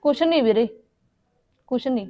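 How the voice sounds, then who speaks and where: A woman's voice: high-pitched, animated, moderate pace, lo-fi sound. A woman acting a mistreated young widow who answers her brother and sister-in-law meekly, then in despair. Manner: meek, pleading, desperate. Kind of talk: amateur village short-film acting.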